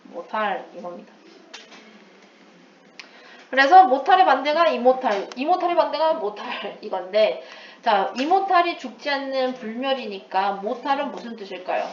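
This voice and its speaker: A woman's voice: sits high, expressive, moderate pace, recorded from a distance, slight background noise. A woman teacher giving an English lesson, explaining with playful asides and mixing in English terms. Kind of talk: recorded lecture. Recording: echoey room, away from the mic, dull lo-fi sound.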